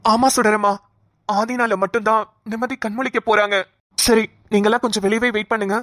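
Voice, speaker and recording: A woman voicing a calm young male doctor who reassures the family in an animated cartoon. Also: a little high, fairly quick, no echo, studio quality, natural voice. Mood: reassuring. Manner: soothing, explaining patiently.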